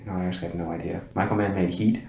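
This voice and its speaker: Low-voiced man in an echoey room. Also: fairly even intonation, rapid-fire, creaky, warm tone. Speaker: podcast co-host. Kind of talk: casual movie chat. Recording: echoey room with faint noise.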